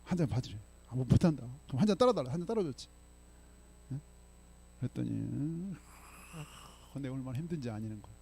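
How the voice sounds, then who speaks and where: A man's voice: medium pitch, lively intonation, quick pace, creaky, long pauses, warm tone, a little hiss or hum. An older man preaching a sermon as pastor, telling stories in a chatty way and often checking in with the congregation. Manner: conversational storytelling, frequent "예?" to congregation. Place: church sanctuary.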